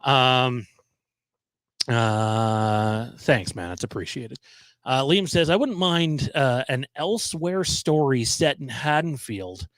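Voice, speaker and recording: A man hosting a live stream in casual chat, his voice nasal and hoarse from a cold, talking haltingly with many ums and restarts. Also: mid-range voice, animated, a bit bright, dry recording. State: losing his voice. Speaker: livestream host.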